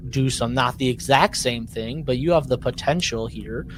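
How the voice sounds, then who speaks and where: A little hiss or hum sits behind a male podcast co-host doing an animated, casual recap. He speaks at a moderate pace in a medium, somewhat bright voice, hammering points home, repeating himself and acting out pretend quotes.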